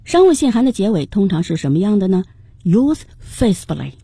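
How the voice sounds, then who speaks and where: Female radio co-host, animated and husky, mellow tone, dry studio sound, cues each new word. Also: mid-range voice, fairly quick, no echo. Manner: announces each new word, lively and prompting. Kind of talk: radio language lesson.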